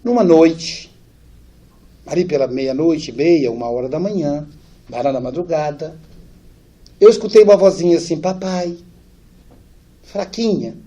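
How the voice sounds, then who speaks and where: A man tells an emotional story in a mellow voice that sits a little high. He is dramatic, swinging between loud passages and hushed ones. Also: lively intonation, normal speed, long pauses, lo-fi sound.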